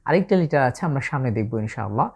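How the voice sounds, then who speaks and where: A woman with a Bangladeshi Bengali accent teaching Arabic letter pronunciation for the Quran, slow and patient, drawing out each letter as she demonstrates it. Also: rumbling low, animated, darkish tone, slightly rough.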